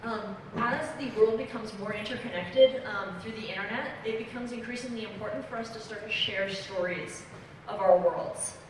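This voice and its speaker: A woman's voice: mid-range voice, normal speed. A young woman from Belgium speaking on a comics convention panel, explaining earnestly with many fillers. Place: convention hall. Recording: echoey hall, distant mic, noisy.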